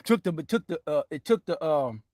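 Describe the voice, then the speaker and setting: Guy ranting about football, says man every other word, kinda high voice, dry sound. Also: animated, brisk, dark tone, dry recording. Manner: loose, profane, says "man" constantly. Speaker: sports talk show host. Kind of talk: casual sports rant.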